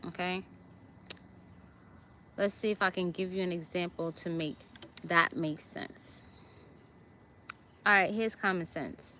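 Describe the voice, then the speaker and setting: Jamaican woman hosting a slow spiritual self-help talk, bright tense voice a bit low in pitch, keeps asking "right?", crickets faint behind. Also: slight background noise. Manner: deliberate, checks in with listeners with "okay?" and "right?". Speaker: host.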